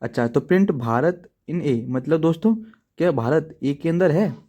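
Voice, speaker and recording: A man explains programming step by step in a loose, chatty tutorial manner, stopping often to check in with his listeners. His voice sits slightly high but sounds dark and mellow. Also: expressive, moderate pace. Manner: chatty, repeats "ठीक है दोस्तों" often; self-deprecating asides to viewers. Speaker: coding teacher. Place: at home writing in a notebook.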